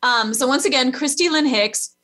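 A woman's voice: high voice, pushed and bright. A woman hosting an interview, encouraging and openly emotional as she talks with her guest. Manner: emotional, encouraging, slow-spoken. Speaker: host. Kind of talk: casual interview chat.

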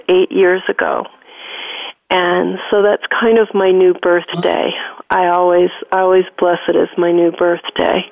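A woman speaks slowly and deliberately, her voice rough with vocal fry as she shares a spiritual testimony. She comes through a thin, phone-like line with no room echo. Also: medium pitch. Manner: slow, deliberate storytelling with repeated phrases. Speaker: guest. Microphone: telephone. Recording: dry phone-line audio.

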